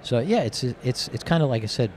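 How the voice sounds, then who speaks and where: A middle-aged man from New Jersey with a hoarse, worn-out raspy voice, rambling colloquially as an interview guest. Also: mid-range voice, lively intonation, brisk, a little mellow. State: hoarse, voice nearly gone. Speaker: interview guest, company executive. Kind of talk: casual interview talk. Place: curtained booth at a convention. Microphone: handheld microphone held close, with headphones. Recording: clear background noise of convention hall.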